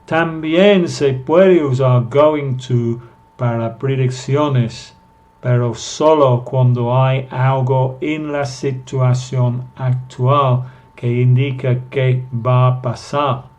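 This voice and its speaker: Slow, careful male language teacher. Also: medium pitch, steady tone, darkish tone. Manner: slow and careful, repeating example sentences for learners to copy. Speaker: English teacher. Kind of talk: recorded language lesson.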